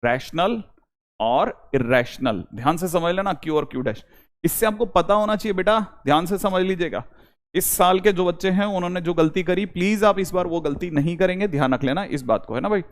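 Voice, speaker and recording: A man's voice: high-pitched, a little fast. A young man teaching a maths class online, repeating reminders to his students and switching between Hindi and English. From India. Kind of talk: online lecture.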